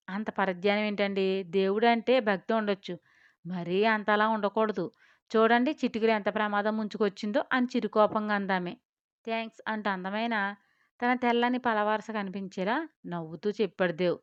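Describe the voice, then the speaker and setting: A woman tells a romance audio story with expressive, descriptive narration. Her voice is smooth and clear, close to the mic. The room is dry and the sound slightly lo-fi. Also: medium pitch, dry recording. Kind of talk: scripted narration.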